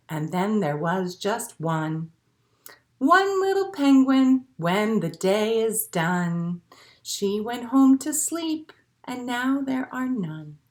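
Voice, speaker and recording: A woman with a high, fairly bright voice hosts a storytime as a librarian, reading picture books and rhymes to young children. She keeps her phrases simple and encouraging in this lively read-aloud.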